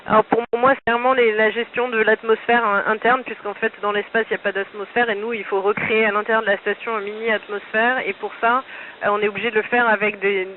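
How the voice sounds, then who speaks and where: A man's voice: high-pitched, flat delivery, brisk. A man, an astronaut, patiently answering school questions over a noisy, narrow ham radio downlink from space and closing each turn with radio protocol. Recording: hissy phone-thin amateur radio link.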